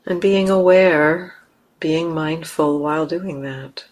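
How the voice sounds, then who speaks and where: The audio is poor as a low-voiced woman takes listeners through a guided meditation. As their teacher, she speaks gently and unhurriedly in short phrases, pausing at length between them.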